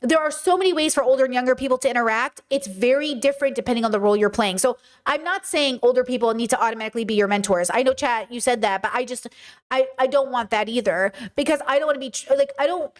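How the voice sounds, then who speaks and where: A woman's voice: a little high, quick pace. A woman in her thirties hosting a stream, ranting bluntly and swearing freely as she reacts to chat. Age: 30s. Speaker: streamer host. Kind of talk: casual commentary on a stream.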